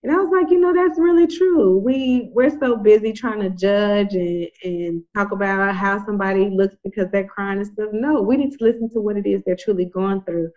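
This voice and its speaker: A woman's voice: mid-range voice, moderate pace, few pauses, muffled recording. A woman talking conversationally as a guest, with an emphatic, colloquial way of advocating for her cause. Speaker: organization representative, guest. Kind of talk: conversational talk, impassioned advocacy.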